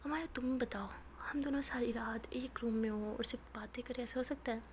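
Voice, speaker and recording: A woman's voice: fairly high pitch, fairly even intonation, fairly quick, a little hiss or hum, natural voice. A woman voicing a cheeky young woman who teases and pries at her best friend. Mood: teasing. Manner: teasing, prying.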